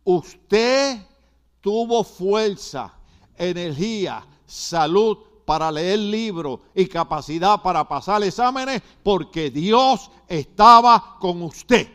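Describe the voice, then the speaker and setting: Older man, Puerto Rican accent, pastor preaching, high voice, repeats phrases for emphasis. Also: animated, takes it slowly, fairly bright tone, smooth. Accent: Puerto Rican Spanish. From Puerto Rico. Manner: emphatic preaching with repetitions and asides to the congregation. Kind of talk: sermon.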